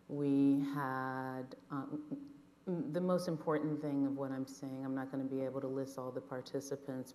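A woman with a very deep, mellow voice talks haltingly on stage, pausing often with fillers. Her voice carries through a large hall with a long, echoing reverb and faint noise behind it. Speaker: artist. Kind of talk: onstage conversation. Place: auditorium stage.

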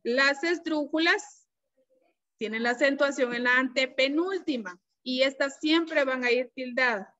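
A woman teacher giving an online class, explaining slowly and patiently and checking often that her students follow. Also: sits high, pushed and bright. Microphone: computer mic on a video call. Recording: dull, lo-fi video-call audio.

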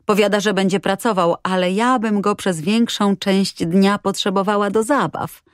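A woman's voice: medium pitch, steady tone, moderate pace, dry recording, studio quality, pitched above the performer's own voice, natural voice. A woman reading an audiobook, voicing a cheerful, chatty little girl who talks eagerly.

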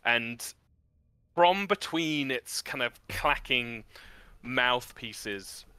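A man narrating a tabletop game as game master, descriptive and halting as he searches for words. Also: medium pitch, expressive, sharp tone, smooth, no echo.

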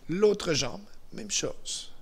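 A man with a Québécois French accent leading a gentle exercise class, calm and encouraging, counting down softly. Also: sits high, drawn-out words, slight background noise. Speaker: exercise instructor. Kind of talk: guided seated exercise class. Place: indoors beside a chair.

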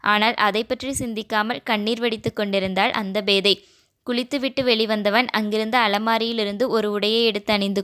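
Woman with a smooth, clear reading voice. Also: on the high side. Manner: soft, expressive storytelling. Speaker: audio novel narrator. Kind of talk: romance audio novel reading.

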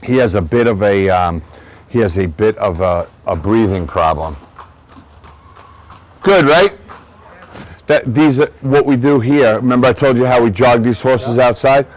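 A man's voice: mid-range voice, animated, unhurried, long pauses, low-quality recording. Chatty man from Long Island. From Long Island, New York. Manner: chatty, digressive, restarts sentences often. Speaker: racehorse trainer. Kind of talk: guided barn tour. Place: outdoor horse barn shed row.

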